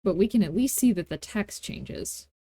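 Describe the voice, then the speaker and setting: Hosting a casual screen tutorial, a woman speaks at normal speed in a mid-pitched, dark-toned voice with lively intonation. She's informal, playful and self-deprecating. The recording is very dry, with no room sound.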